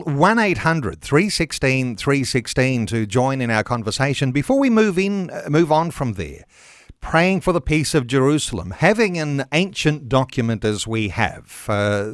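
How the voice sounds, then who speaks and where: A man's voice: medium pitch, dry recording. Australian male talkback radio host, studio-dry. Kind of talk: radio interview presenting.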